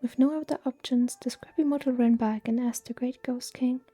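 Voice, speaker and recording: A woman reading a story aloud in a slow, hushed, even ASMR whisper. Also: high-pitched, slightly rough. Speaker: reader.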